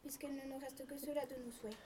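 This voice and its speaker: A woman's voice: sits high, flat delivery, fast, dark tone, lightly acted. A woman voicing a poor wife who longs for riches in a storybook reading, eager and dramatic. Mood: wise.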